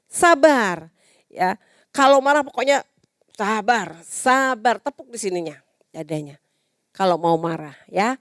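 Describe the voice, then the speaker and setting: A young Indonesian woman teaching a children's church lesson, patient and animated as she talks to little kids. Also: medium pitch, unhurried, long pauses, dry recording, clean studio sound. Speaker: Sunday school teacher.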